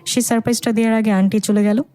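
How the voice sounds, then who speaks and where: Sharp-tongued mocking young woman, as a narrator puts her on. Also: medium pitch, little pitch movement, racing, clear, resonant tone, faint music behind, pitched above the performer's own voice, lightly acted. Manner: teasing, mocking.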